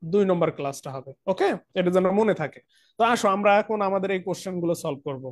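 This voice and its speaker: A man with a high voice teaches an online accounting class from a dry, close recording. He explains patiently, repeats his points and checks in with the students again and again. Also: a little fast, no room sound. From Bangladesh. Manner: mixes English terms into explanations.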